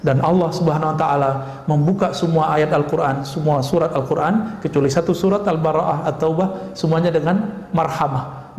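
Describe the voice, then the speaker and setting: A man preaching a lively sermon and asking the audience questions, now and then acting out scolding voices. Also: sits high, slight background noise. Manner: animated, acts out scolding voices, laughs. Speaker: Islamic preacher. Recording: echoey hall recording with ambience.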